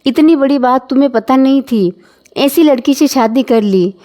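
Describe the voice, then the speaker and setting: A woman's voice: sits high, moderate pace, dark tone, lightly acted. A woman voicing a strict, traditional older mother-in-law with a scolding, insistent manner, in a storybook reading.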